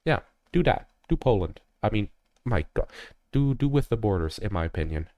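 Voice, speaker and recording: A man's voice: on the low side, animated, moderate pace, warm tone, no echo, clean studio sound. A young man streaming a strategy game, rambling and jokey in casual commentary, full of fillers.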